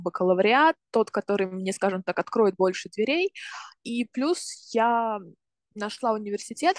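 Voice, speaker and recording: Appearing as a podcast guest, this woman, a university student from Russia in her 20s, lays out her points one step at a time in a relaxed way, frequently stopping to put things differently. She has a mid-range voice, recorded without echo.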